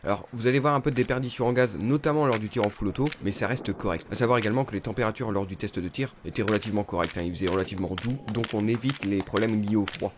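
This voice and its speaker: A man's voice: lowish voice, fast, few pauses, noisy background. A man with a Nord-Pas-de-Calais French accent giving a casual product review, chatty and full of little fillers. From northern France. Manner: chatty, peppers sentences with "hein" and "bah". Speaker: airsoft gun reviewer. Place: home setup, voice-over.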